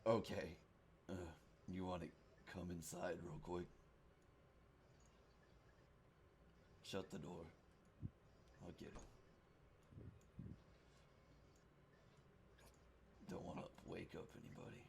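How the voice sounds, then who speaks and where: Gruff drunk villager done by a man, low and gravelly, weary muttering, tabletop role-play. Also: fairly even intonation, normal speed, a little mellow. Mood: weary, hushed. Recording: faint background noise.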